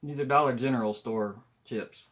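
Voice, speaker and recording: A man's voice: mid-range voice, moderate pace, a bit bright. A man chatting casually in a taste-test vlog, offhand and noncommittal, as he snacks on crunchy chips. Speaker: food reviewer. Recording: noticeable background noise.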